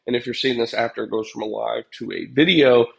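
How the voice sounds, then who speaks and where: The recording is rough as a young man, a pest control business owner, hosts a laid-back livestream. His creaky mid-range voice moves fast and sounds stuffed up, and he rambles with many fillers while talking to chat.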